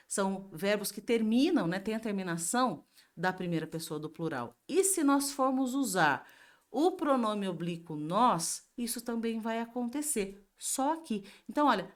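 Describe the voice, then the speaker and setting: A woman teacher with a Brazilian Portuguese accent giving a grammar review lesson, explaining step by step and asking herself questions before answering them. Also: medium pitch. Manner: slow and explanatory, asks and answers her own questions.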